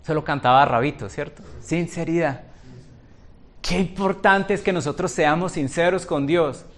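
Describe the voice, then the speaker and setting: A man's voice: fairly high pitch, moderate pace, fairly bright tone. A male pastor preaching a sermon in a church, asking the congregation rhetorical questions.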